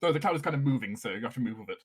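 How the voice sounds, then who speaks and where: A man's voice: mid-range voice, animated, rapid-fire, breathy edge. A man running a tabletop game as game master, describing scenes and ruling on actions.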